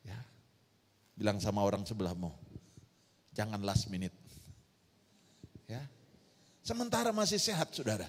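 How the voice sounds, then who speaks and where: A woman pastor preaching an emphatic sermon, firing rhetorical questions at her congregation in a large church hall. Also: fairly low pitch. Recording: long church-hall reverb.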